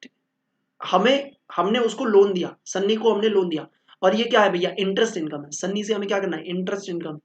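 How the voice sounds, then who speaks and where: High-voiced male accounting teacher, joking. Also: fairly quick. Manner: banters and answers his own questions. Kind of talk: joking classroom lecture.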